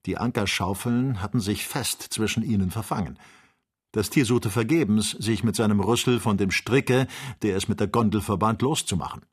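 A man narrates a classic adventure novel in an even, measured reading. His voice sits low and carries a husky grain. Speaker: audiobook narrator. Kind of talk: scripted narration.

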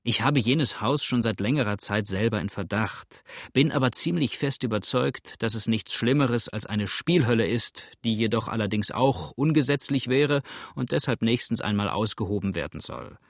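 A man reading a grave, measured country judge. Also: lowish voice, no room sound, clean studio sound. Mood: reassuring. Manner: measured and earnest. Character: grave, cautious justice of the peace.

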